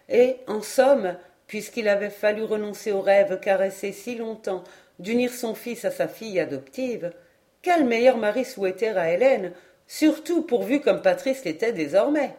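A woman narrating a classic novel for an audiobook, measured and expressive. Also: mid-range voice. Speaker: audiobook reader. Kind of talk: literary narration.

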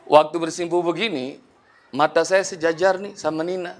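Middle-aged male preacher, fairly high voice, emotional storyteller, hushed lows, rising highs. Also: fairly even intonation, moderate pace. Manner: emotional storytelling, swings between hushed and raised voice. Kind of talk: storytelling sermon.

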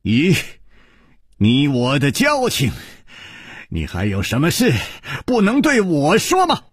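A male storyteller voicing a suave, calm male hero swordsman who speaks with easy, smiling confidence in a radio story. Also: a little high, slow pace, breathy edge, no room sound, studio quality, pitched above the performer's own voice, exaggerated voice. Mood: easygoing. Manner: smiling, easygoing.

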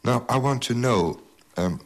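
A man interviewing a guest on the radio who asks questions and reads a passage aloud in a measured way. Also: medium pitch.

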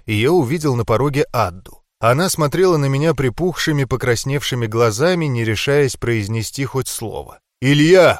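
A man narrating a fantasy audiobook in the first person with steady, expressive storytelling. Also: medium pitch, dry recording, clean studio sound.

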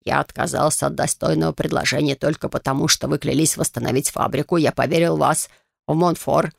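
A narrator voicing a grey-haired older male factory master who speaks slowly and accusingly, with a gravelly edge. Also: a little high, monotone, no echo, clean studio sound. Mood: aggrieved.

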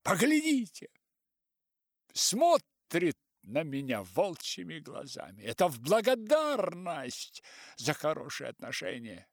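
A man voicing a self-righteous older male writer who lectures and shouts, loud and insistent, dragging his words out. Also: on the high side, wildly swooping pitch, no room sound, clean studio sound, pitched above the performer's own voice, full character voice. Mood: indignant shouting. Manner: loud, preachy, slow and insistent.

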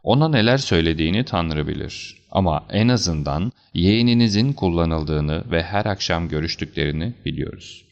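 A man plays a calm, self-assured detective in a storybook reading, laying things out in a measured, slightly stern manner. His voice is deep with a gravelly edge. The recording sounds a bit dull and lo-fi. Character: calm, assured male detective, cool and deliberate.

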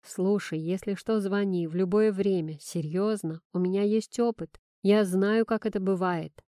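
A cheerful, teasing male friend , voiced by a woman reading the audiobook who talks in a brisk, breezy way. His lines come out a touch brighter than the narration. The recording is dry and close, with no room sound. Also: mid-range voice, fairly even intonation, no room sound, lightly acted. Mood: sincere.

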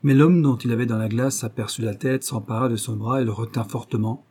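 Guy reading a novel aloud, steady even pace, dark breathy voice. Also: medium pitch, brisk. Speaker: audiobook reader. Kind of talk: scripted narration.

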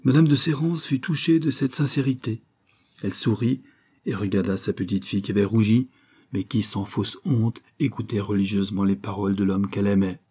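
Mellow, husky male narrator. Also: lowish voice, steady tone, brisk. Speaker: audiobook reader. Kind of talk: scripted narration of a novel.

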